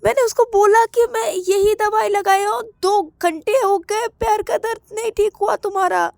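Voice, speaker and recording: A frantic young woman in a storybook romance, as a woman narrator puts her on, her voice pitched high and pushed loud. She stammers and trips over repeated words, too worried to sit still. The sound is dry and close, with no room around it. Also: brisk, clean tone, no echo, close to an everyday voice. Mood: agitated.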